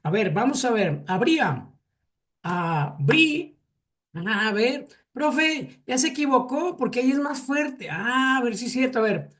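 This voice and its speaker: A man's voice: very high voice, fairly bright tone. Hesitant Mexican man teaching a class. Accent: Mexican Spanish. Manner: hesitant, repeats words, quizzes students. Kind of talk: classroom lesson.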